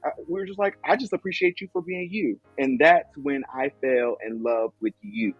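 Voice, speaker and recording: A man hosting a casual podcast chat, gushing and telling stories with animated energy. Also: mid-range voice, normal speed, husky, dry recording, highs cut off, faint music behind. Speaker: podcast host.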